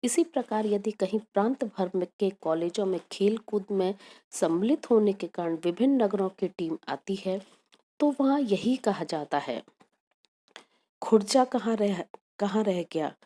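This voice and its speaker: A woman university lecturer giving a recorded academic lecture, reading a prepared text in a measured way and listing examples. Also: mid-range voice, expressive, dark tone.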